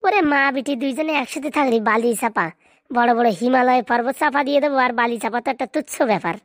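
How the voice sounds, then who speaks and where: A woman's voice: high-pitched, fast, no room sound, studio quality, lightly acted. A woman voicing a quarrelsome middle-aged housewife in a Bengali cartoon, with a Bengali accent and a coarse, scolding way of talking. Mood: scheming.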